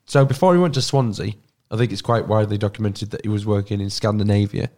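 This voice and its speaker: Lower-voiced podcast co-host. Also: male voice, quick pace, darkish tone. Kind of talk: casual football podcast chat.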